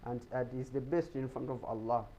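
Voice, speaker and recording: A man's voice: medium pitch, fairly quick, dark tone, slight background noise, low-quality recording. A man giving an explanatory talk on health in a TV studio, often repeating words as he searches for them. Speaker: guest speaker on health.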